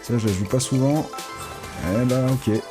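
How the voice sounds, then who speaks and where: A man giving excitable, casual live commentary as a casino streamer, pleading with the reels and swearing. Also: mid-range voice, a little slow, music in the background.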